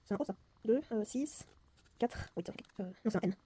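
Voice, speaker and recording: Mellow-voiced woman muttering puzzles. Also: medium pitch, brisk, slightly rough. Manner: mutters numbers to herself, often dropping to a whisper; self-mocking, thinking aloud. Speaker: board game vlogger. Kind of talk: casual puzzle-solving vlog.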